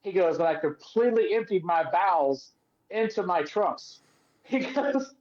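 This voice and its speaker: On dull-sounding audio, a high-pitched man speaks unhurriedly as he co-hosts a podcast. The former wrestler tells stories in easygoing chat, acting out quoted voices with plenty of animation.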